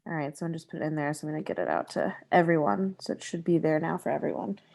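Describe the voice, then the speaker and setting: A woman hosting a community meeting over a video call, relaxed and chatty, laughing easily. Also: sits low, fast talker, gravelly. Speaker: meeting host. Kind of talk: casual chat.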